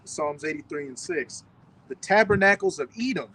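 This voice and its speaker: A man reading scripture verses slowly outdoors and telling a casual story in between. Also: high-pitched, expressive, gravelly, fairly bright tone, low-quality recording. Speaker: scripture reader at a street camp. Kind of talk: street preaching.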